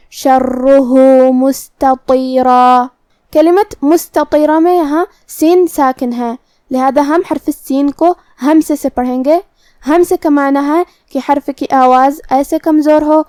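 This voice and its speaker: A woman with an Urdu accent teaching Quran recitation rules, explaining pronunciation in a measured, methodical way. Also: sits high, warm tone, no room sound, clean studio sound. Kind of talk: tajweed lesson, explaining then reciting.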